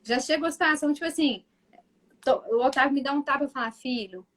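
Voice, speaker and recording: A Minas Gerais-accented Brazilian woman, a mother appearing as a guest on a live video call, talks fast in a high voice. In this casual stream she's lively, softening her voice to act out how she speaks to her son, and keeps restarting and throwing filler asides to the viewers.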